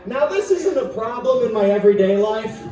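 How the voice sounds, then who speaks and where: A man performing a self-deprecating stand-up comedy set in a pub, shouting some punchlines. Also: very high voice, lively intonation, fairly quick. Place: live venue in a pub. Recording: echoey room from far off. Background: audience laughing.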